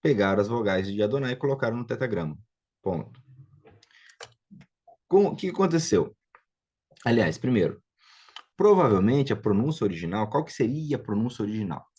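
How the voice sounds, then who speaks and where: A Brazilian man lectures in a relaxed classroom manner, pausing to ask whether everyone is following. His voice sits low and mellow with a slightly husky edge. The recording sounds dull and lo-fi. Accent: Brazilian Portuguese. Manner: explanatory, checks understanding with frequent tag questions. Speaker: Biblical Hebrew teacher.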